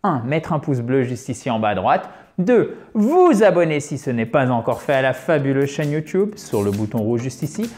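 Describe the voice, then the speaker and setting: A woman's voice: a bass voice, sing-song, normal speed, few pauses, a little mellow. A woman hosting a video lesson, chatting directly to her viewers with the odd filler. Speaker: English teacher and channel host.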